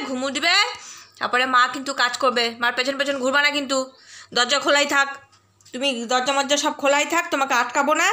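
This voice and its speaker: A woman's voice: sits high, pushed and bright. A young woman vlogging casually at home, chatting and cooing to her pet dog. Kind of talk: casual home vlog narration. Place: at home, indoors and outside.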